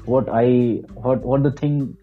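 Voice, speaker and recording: Excitable Indian man hosting a podcast. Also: mid-range voice, takes it slowly. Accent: Indian English. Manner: excitable, restarts sentences often, switches between English and Hindi. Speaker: podcast host. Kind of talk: casual conversation. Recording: dull lo-fi sound with faint guitar music.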